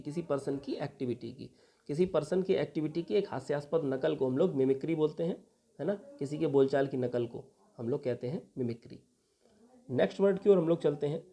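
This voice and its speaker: A man's voice: on the high side, mellow. A young adult man from India teaching an exam vocabulary lesson, patiently repeating each meaning and spelling words out.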